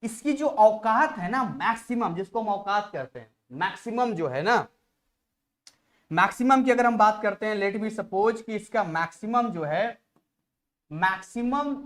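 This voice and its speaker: A man's voice: high-pitched, a bit bright. Guy teaching physics live, talks a lot, repeats stuff to drill it in. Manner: chatty, digresses, repeats phrases to drill a point. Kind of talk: live online class lecture.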